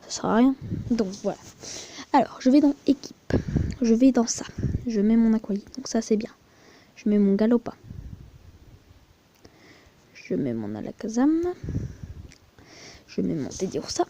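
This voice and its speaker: A woman's voice: on the high side, lively intonation, a little slow, long pauses, dull audio, noisy background. A woman giving crude, rambling, chatty commentary while showing her mobile game, with muttered asides. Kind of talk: casual screen-recording commentary.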